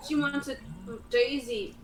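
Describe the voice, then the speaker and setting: A woman's voice: high-pitched, steady tone, takes it slowly. A woman telling a meandering, hesitant story in a casual chat with friends. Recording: distant mic, roomy echo, faint noise.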